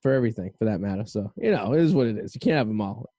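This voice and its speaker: Mellow, dry-sounding male podcast host. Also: fairly low pitch, expressive, very fast, no room sound. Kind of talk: casual banter and interviewing.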